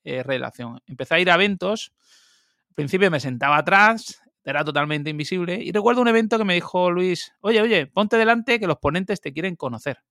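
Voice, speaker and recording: Guy chatting as a guest, animated storyteller, slightly high voice, dry sound. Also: no room sound. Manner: lively, animated, quick asides and laughs. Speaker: interview guest. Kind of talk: casual storytelling.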